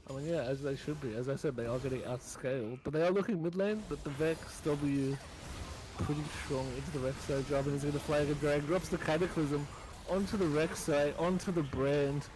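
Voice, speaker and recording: A man calling esports play-by-play from his own room, rapid and rising in pitch during fights. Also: steady tone, background noise. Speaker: play-by-play caster.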